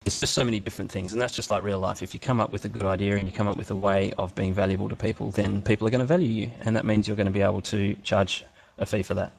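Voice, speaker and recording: An Australian man with a low, gravelly voice speaks in a relaxed interview. He works through his ideas slowly, with frequent filler sounds and self-corrections. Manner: thoughtful, many ums and restarts. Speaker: interview guest. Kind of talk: casual interview chat.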